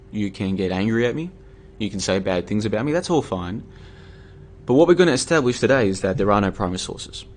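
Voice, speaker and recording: Tired Australian man on a livestream. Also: lowish voice. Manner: conversational, argumentative, with many fillers and restarts. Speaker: livestream host. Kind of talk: casual monologue livestream. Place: home room.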